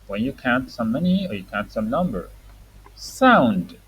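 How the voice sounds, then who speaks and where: A woman's voice: extremely low pitch, big pitch swings, measured pace, muffled recording, a little hiss or hum. A woman teaching reading to a young child, saying words for the child to repeat and explaining them simply.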